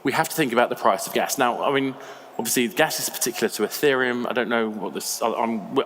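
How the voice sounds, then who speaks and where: A man with a slightly raspy voice, giving a conversational, emphatic conference talk. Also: fairly low pitch, fairly bright tone, slight background noise. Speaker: conference speaker. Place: large conference hall. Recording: reverberant hall with faint ambience.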